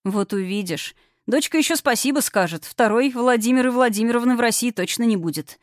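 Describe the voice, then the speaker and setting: A woman voicing a lively, cheerful young man in love, talking in an excited, boyish, joking way. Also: a little high, fairly quick, no room sound, studio quality, pitched above the performer's own voice, lightly acted. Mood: elated.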